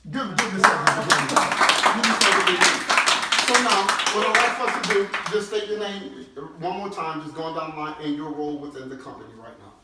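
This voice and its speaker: A middle-aged CEO from New Orleans leads a team-building session, giving his staff an emphatic motivational talk in a high, fairly quick voice while often checking in with short questions. The recording has an echoey room, a distant mic and faint noise.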